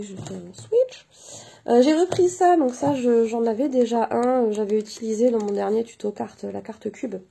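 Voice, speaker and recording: A woman's voice: medium pitch, vocal fry, warm tone, a little hiss or hum. A woman and mother chatting casually in a crafting haul video, hesitant and full of fillers as she goes. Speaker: crafting vlogger.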